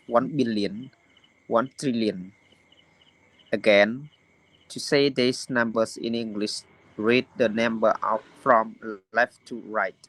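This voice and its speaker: Guy reading his lesson aloud on a video call, super slow, fixes his slips. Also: mid-range voice, a bit bright, poor audio. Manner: slow careful reading with self-corrections. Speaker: student.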